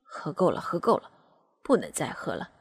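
A woman's voice: low-pitched, huge pitch swings, moderate pace, creaky, breathy edge, big-room sound, voice pushed down, heavily acted. A woman putting on a stammering, flustered father. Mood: embarrassed. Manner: stammering, hesitant.

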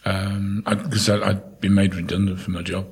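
An older English man with a husky voice, telling casual anecdotes in a chatty, jovial way as a podcast guest. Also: low voice, level tone, moderate pace. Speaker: podcast guest, town crier and historical guide.

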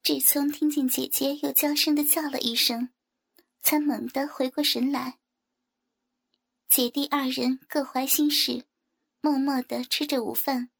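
A woman reading a story aloud as narrator in a smooth, even storytelling delivery. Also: high voice, a little slow. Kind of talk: scripted narration.

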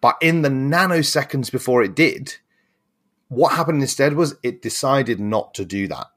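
A man's voice: mid-range voice, lively intonation, normal speed, fairly bright tone, a little hiss or hum. A young man co-hosting a casual chat, rambling and swearing freely, often laughing. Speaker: podcast co-host.

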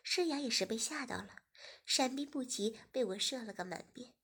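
A woman narrating a story, reading evenly and sometimes dropping into a soft whisper. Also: fairly high pitch, animated, moderate pace, slightly rough.

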